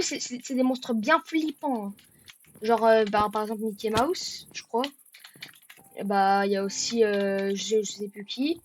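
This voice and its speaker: Jokey, stammering woman gamer. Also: a little high. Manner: jokey, stammers and repeats words; bursts into shouting at the game. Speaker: gaming video creator. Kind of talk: let's-play commentary.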